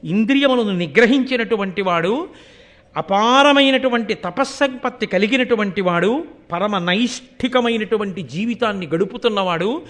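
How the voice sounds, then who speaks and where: A man with a Telugu accent giving a devotional discourse, telling a scriptural story, moving between soft asides and loud emphatic declarations and sometimes chanting verses. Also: sits high, animated, moderate pace. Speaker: religious discourse speaker.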